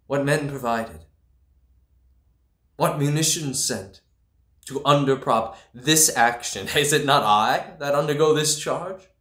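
A young man performs a proud, defiant prince in a Shakespearean stage monologue. He declaims formally and very slowly in a lowish voice. The room adds a noticeable echo. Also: bright, forceful tone, full character voice. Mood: scornful outrage. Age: 20s. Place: indoors, small room against plain backdrop. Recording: roomy, echoey small room.

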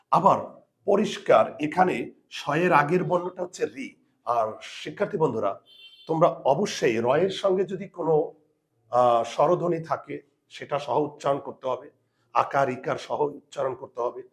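A male teacher giving a spelling lesson to students, patiently repeating each rule and working through examples. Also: on the high side. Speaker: Bengali grammar teacher.

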